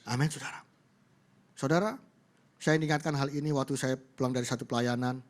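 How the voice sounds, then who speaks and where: A man's voice: mid-range voice, steady tone, a little fast. A man preaching a sermon as pastor, with emphatic, repetitive address to his congregation. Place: church in a mall.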